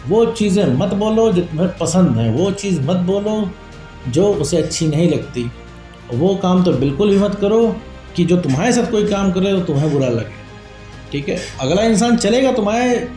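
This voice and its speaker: A man's voice: sits high, dark tone, roomy sound. A man talking straight to his viewers, giving relationship advice in an informal, lecturing way and often calling the listener his friend. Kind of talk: direct-to-camera advice talk.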